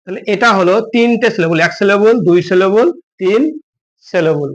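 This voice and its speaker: A man's voice: high voice, normal speed, lo-fi sound. A man teaching a grammar lesson, patiently spelling words out letter by letter and asking his students questions.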